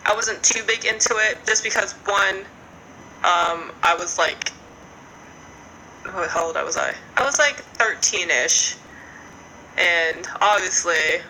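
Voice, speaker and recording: Young woman, sharp bright voice, chatty rambling podcast storyteller, faint background noise. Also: fairly low pitch, takes it slowly, long pauses, rough recording. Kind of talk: casual chat.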